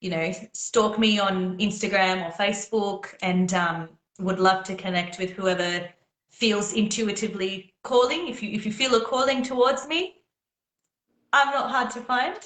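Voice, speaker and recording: A woman whose first language is Gujarati appears as a guest singer on a casual live video call, chatting earnestly and encouragingly and laughing a lot. Her voice is mid-range and fairly bright, with fairly even intonation and an unhurried pace. The audio is poor, with an echoey room.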